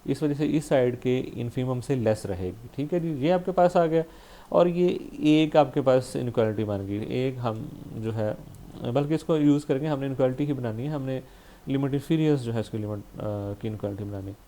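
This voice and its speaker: A man's voice: mid-range voice, normal speed, warm tone, slight background noise. A man with a Pakistani Urdu accent giving a recorded math lecture, explaining step by step, checking in often with his listeners and mixing English math terms into his speech. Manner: explains step by step, frequent "theek hai ji" checks.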